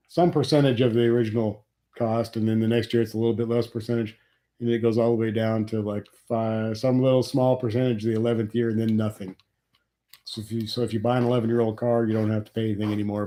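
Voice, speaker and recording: In a lowish, mellow voice, the middle-aged livestream host from Nebraska, USA, still sniffly with a cold, rambles through a live chat with viewers, wryly complaining about taxes.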